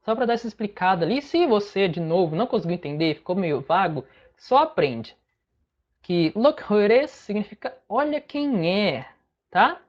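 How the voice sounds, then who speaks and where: A Brazilian woman teaching English in an online lesson, patiently breaking each phrase into single words. Her mid-pitched voice comes through a slightly dull, lo-fi recording. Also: big pitch swings, moderate pace. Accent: Brazilian Portuguese.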